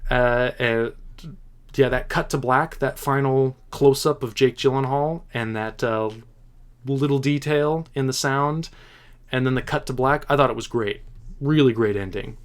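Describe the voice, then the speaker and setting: A man hosting a casual film chat, answering viewer questions in a halting, thoughtful way with frequent restarts, and keen on the films he talks about. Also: medium pitch, clean tone. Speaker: host.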